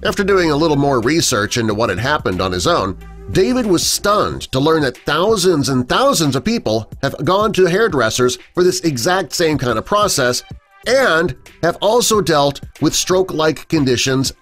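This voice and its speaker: A man's voice: on the high side, fairly bright tone. A man reading a scripted narration of a news story in a dramatic storytelling manner. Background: faint background music.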